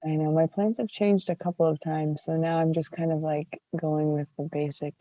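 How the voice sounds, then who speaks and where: A woman hosting a casual chat podcast, with a slightly gravelly morning voice and a chatty way of talking full of "like" fillers. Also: low-pitched, steady tone, normal speed, mellow, lo-fi sound. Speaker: podcast host.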